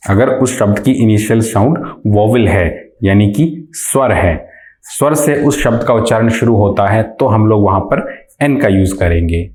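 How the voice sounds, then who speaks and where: A man teaching English grammar in a slow, deliberate way, answering his own questions and repeating key terms. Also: medium pitch, darkish tone. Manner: asks questions and answers them himself. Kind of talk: explanatory lesson. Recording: echoey room.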